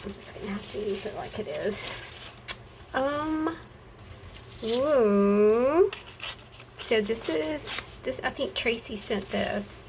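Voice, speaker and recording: A woman's voice: on the high side, lively intonation, a little slow, creaky, noisy background. A woman chatting casually to her viewers while she crafts, folksy and affectionate, talking to herself as she works. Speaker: craft vlogger.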